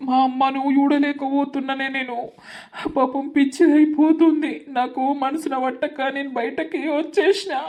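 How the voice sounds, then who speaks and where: A woman's voice: high voice, level tone, normal speed, darkish tone, lightly acted. A woman voicing a young male college student, talking in a sorrowful, complaining way for a village cartoon.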